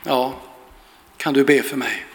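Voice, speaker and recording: A man's voice: mid-range voice, steady tone, a little hiss or hum, pitched below the performer's own voice, natural voice. A man quoting a timid woman over eighty. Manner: timid, self-doubting. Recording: echoey hall with long reverb.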